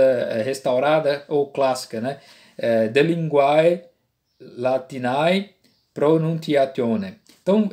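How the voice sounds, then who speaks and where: A man's voice: a little high, a little mellow. A man with a Brazilian Portuguese accent teaching an online Latin lesson, explaining step by step and often adding "né?" as a tag question. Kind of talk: online lecture.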